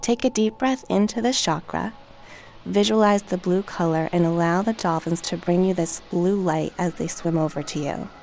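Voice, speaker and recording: Meditation narrator: female, fairly low register with noticeable creak, soothing, unhurried and gentle delivery over background music. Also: a little hiss or hum. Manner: calm, gentle, measured. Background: relaxation track with music, dolphin and water sounds.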